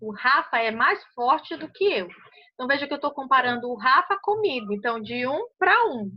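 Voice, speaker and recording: A Brazilian Portuguese woman explains grammar rules to a class, pausing often to ask if everyone understood. Her voice sits high. The recording sounds muffled and lo-fi. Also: animated. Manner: patient, checks understanding often. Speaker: English teacher. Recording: muffled lo-fi audio.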